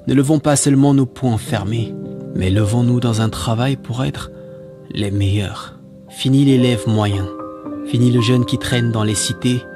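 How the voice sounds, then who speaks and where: A man's voice: mid-range voice, measured pace. Male narrator for solemn, exhorting spoken-word piece, mid-range voice, music underneath. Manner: solemn, exhorting, rhetorical repetition. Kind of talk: scripted spoken-word monologue. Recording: music behind the voice.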